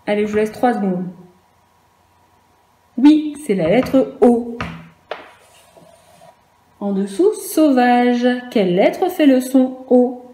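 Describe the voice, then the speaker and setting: Slowly and with long pauses, a woman teaching phonics remotely to small children sounds out each letter patiently. She is a primary school teacher with a highish, mellow, animated voice, recorded in an echoing room with a little background noise.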